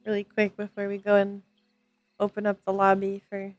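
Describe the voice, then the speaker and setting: A woman's voice: medium pitch, monotone, moderate pace, no room sound, faint music behind. A woman streamer chatting playfully in role-play, with childlike, repetitive baby-talk phrasing. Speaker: streamer role-playing in a virtual world. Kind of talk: playful gamer chat, in-character role-play.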